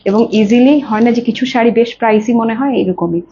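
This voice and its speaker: A woman with a Bangladeshi Bengali accent and a hoarse voice, pitching saris in an effusive live sales stream. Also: a little fast, mellow. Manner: effusive, mixes English phrases. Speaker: live-stream saree seller. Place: clothing showroom. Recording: dull lo-fi live stream with faint noise.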